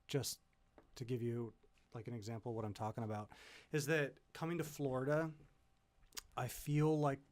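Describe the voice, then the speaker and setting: Podcast co-host, man, mid voice, rambling and hesitant. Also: mid-range voice. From Pacific Northwest of the US. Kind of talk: casual chat.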